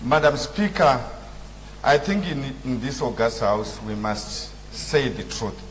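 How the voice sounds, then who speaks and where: A man's voice: medium pitch, lively intonation, a little slow, long reverb tail, a little hiss or hum, low-quality recording. A man speaking as a member of parliament in a heated debate. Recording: shouting crowd in a chamber.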